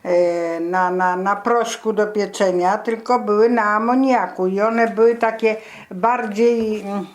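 Elderly woman, slow-paced and colloquial. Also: medium pitch, fairly even intonation. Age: 70s or older. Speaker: grandmother being interviewed. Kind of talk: casual reminiscing conversation.

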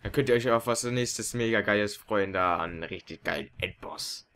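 A man with a fairly low voice gives casual let's play commentary to a partner. His talk is slangy and colloquial, with faint game noise behind. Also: moderate pace, a bit bright. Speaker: let's player.

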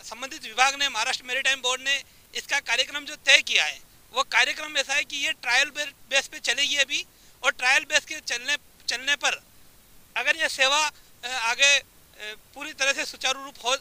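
A middle-aged male local reporter speaks outdoors by the sea into a handheld mic. His voice sits high and bright, and it carries a clean, ringing clarity. He reads through figures and details steadily, with small filler pauses between phrases. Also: rough recording. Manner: steady informative delivery with frequent fillers. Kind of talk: on-location news report.

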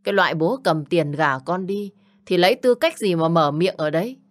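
A woman's voice: on the low side, normal speed, close to an everyday voice. A contemptuous young man, acted by a woman in a spoken story. He taunts in a raised, scornful voice. His tone stays cold and arrogant. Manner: sneering, taunting.

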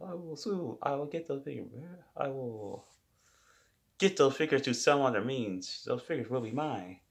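Stubborn young man obsessed with anime figures, voiced by a man, loud repetitive indignant bursts, homemade story. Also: medium pitch, expressive, normal speed, gravelly.

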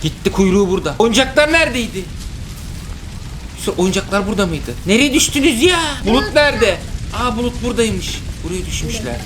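A man's voice: high-pitched, animated, fairly quick, background noise. A young father hosting a casual let's-play, reacting with dramatic exclamations and teasing. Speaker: father and gaming channel host. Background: background music.

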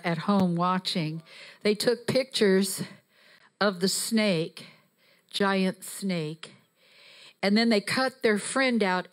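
A woman preaching with fervor and emphatic exhortation, walking the stage with a handheld mic in a church sanctuary. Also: mid-range voice. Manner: fervent, emphatic, rising to exhortation; walks the stage while preaching. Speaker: guest preacher. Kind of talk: sermon. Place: church sanctuary, mid-sized, indoors. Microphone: handheld microphone.

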